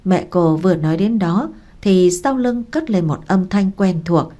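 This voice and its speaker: Low, mellow woman reading a story. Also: unhurried. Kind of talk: scripted story narration.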